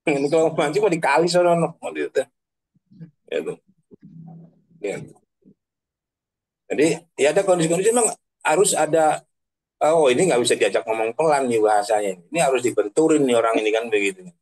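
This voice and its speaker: A man's voice: medium pitch, lively intonation, moderate pace, long pauses, darkish tone, low-quality recording. Chatty joking male preacher. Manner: chatty, tags sentences with 'kan begitu'; joking, laughs at own examples. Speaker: Islamic preacher. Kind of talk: casual online religious talk.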